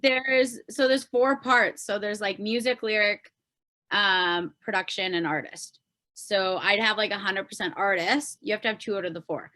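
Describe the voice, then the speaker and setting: A pop singer-songwriter with a Canadian accent talks casually and informally as a podcast guest, explaining things as she goes. Her voice is mid-range, pushed and bright, at a moderate pace.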